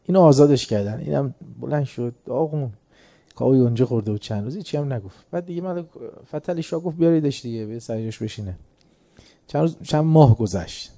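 A man's voice: mid-range voice, expressive, dark tone. A man giving a religious lecture, telling an anecdote in a conversational way and chuckling at his own story.

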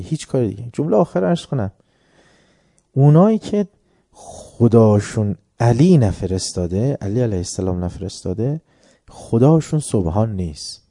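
Guy giving a fiery sermon, really dark mellow voice, lowish, dry close sound. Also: no echo. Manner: impassioned, swells loud then drops low. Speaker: preacher.

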